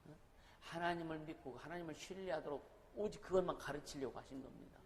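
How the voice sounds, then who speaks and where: A man's voice: a little high, quick pace. A man pastor preaching a sermon in a conversational way, often asking the congregation questions. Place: church sanctuary. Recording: long reverb of a hall, faint noise.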